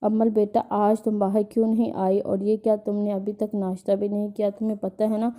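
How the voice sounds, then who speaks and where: Voiced by a woman reading aloud, a tender middle-aged mother figure coaxes and gently scolds in a storybook. Her voice is very dark and mellow, and her pitch stays fairly flat and even. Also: lightly acted.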